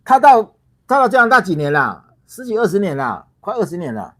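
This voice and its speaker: A man's voice: sits high, sing-song, brisk, a bit bright. A middle-aged man from Taiwan, a party founder hosting a heated political livestream, ranting with rhetorical questions, repeated words and swearing.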